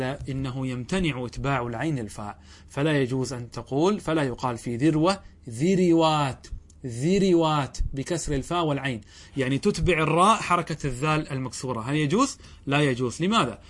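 Man, grammar teacher, slightly raised pitch, asks and answers his own questions, slows to spell out word forms. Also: a bit bright. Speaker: sheikh teaching Arabic grammar. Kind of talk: classical grammar lesson.

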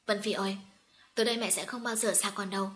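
A woman's voice: medium pitch, steady tone, fast, fairly bright tone, a little hiss or hum, close to an everyday voice. A woman reading as a grieving middle-aged mother who is tearful and apologetic.

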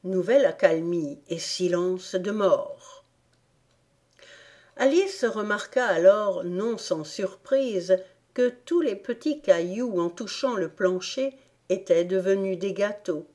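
Slow, mellow woman narrating an audiobook. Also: mid-range voice, animated. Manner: measured, deliberate storytelling. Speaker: audiobook reader. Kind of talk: scripted narration.

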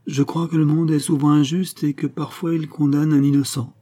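A man's voice: fairly high pitch, flat delivery, moderate pace, dark tone, voice pushed up, lightly acted. A man voicing a cunning impostor nobleman who feigns sadness and surprise. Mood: mock-sincere. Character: cunning male impostor nobleman, smooth liar.

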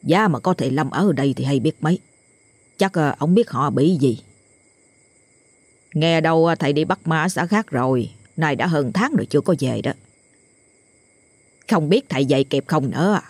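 A woman's voice: low-pitched, expressive, moderate pace, pauses often, darkish tone, breathy edge, no room sound. A woman voicing a worried, hesitant village man. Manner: fretful, hesitant, with fillers. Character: worried village man gossiping in low tones.

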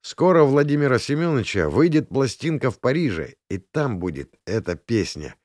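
A man putting on a bright, bouncy young guy running a song quiz among friends, his voice leaping higher than the reader's own and full of teasing eagerness. The sound is dry and close, with no room around it. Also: sing-song, normal speed, no echo, natural voice. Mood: eager, teasing. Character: excitable young male student host of a song quiz.

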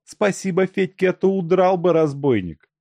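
Male narrator doing a squabbling street woman in a storybook, high-pitched, dry close sound. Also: animated, normal speed, dark tone, no echo, lo-fi sound. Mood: shrill. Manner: bossy, squabbling. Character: brash young woman vagabond, bossy and shrill.

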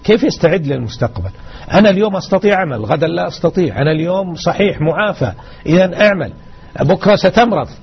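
A man's voice: sits high, lively intonation, quick pace, vocal fry, slightly rough, lo-fi sound. A man teaching a religious lesson on radio, exhorting his listeners and repeating key words. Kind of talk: explaining a hadith lesson.

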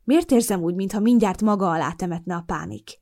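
A woman narrating a novel in the first person, in a calm, steady storytelling manner. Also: mid-range voice. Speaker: audiobook narrator. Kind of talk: scripted narration.

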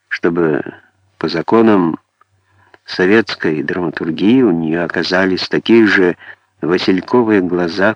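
Low-voiced man reading a memoir. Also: no echo, lo-fi sound. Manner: calm, ironic storytelling. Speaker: audiobook narrator. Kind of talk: first-person memoir narration.

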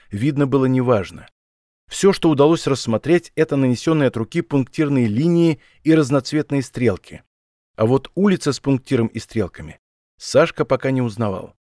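A man reading a story aloud as an audiobook narrator in an even storytelling manner. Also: mid-range voice, no echo, clean studio sound. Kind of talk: scripted narration.

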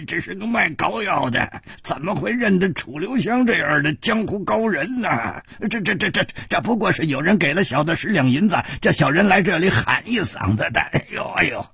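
A man voicing a frightened peddler thug who stammers and pleads in a high voice. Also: expressive, normal speed, gravelly, few pauses, a bit bright, slightly rough, no room sound, studio quality, heavily acted. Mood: whimpering.

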